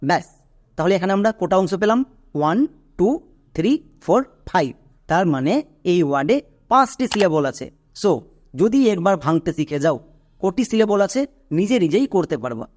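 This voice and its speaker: A man with a Bengali accent gives a classroom-style English lesson in a fairly high voice. He works through each point step by step and speaks directly to the learner, asking questions and then answering them himself. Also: big pitch swings, moderate pace, pauses often, a little mellow. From Bangladesh or West Bengal. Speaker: English teacher.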